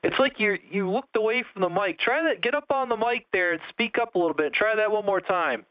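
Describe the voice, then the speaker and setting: A high-voiced man runs a casual radio net, instructing callers as an operator would. His voice comes through a crackly, dull two-way radio with a narrowed sound. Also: animated, fairly quick.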